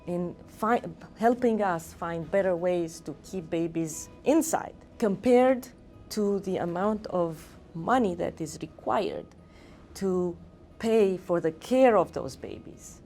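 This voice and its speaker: A middle-aged woman from Romania speaks earnestly about her work as a physician and researcher. Her voice sits slightly low and has a mellow, warm tone. She pauses on fillers and restarts her phrases, and faint music plays behind her. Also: animated. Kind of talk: interview talk.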